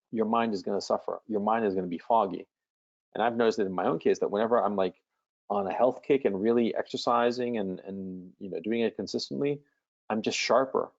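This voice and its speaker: A man's voice: lowish voice, a little mellow, lo-fi sound. A man hosting a live webinar Q&A as a coach, talking bluntly and casually and swearing freely.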